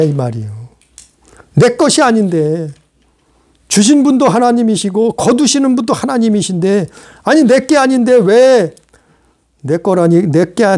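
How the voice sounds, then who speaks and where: High-voiced man preaching emphatically. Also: mellow. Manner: emphatic, repetitive preaching with rhetorical questions. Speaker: pastor. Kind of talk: sermon.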